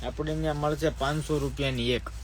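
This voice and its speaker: Man pitching stock live. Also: steady tone, fast talker, background noise. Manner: chatty, breaks off to give staff orders. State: sleepy. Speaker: shop seller hosting a live sale. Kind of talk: live-stream sales talk. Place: air-conditioned shop, indoors.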